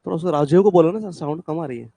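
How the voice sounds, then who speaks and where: A man with a fairly high voice teaches a live English class from a campus classroom, chatting casually with students in the room and viewers online. His sound is dry and close, with little room echo. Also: racing, creaky, mellow, breathy edge. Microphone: classroom mic and speaker, streamed online.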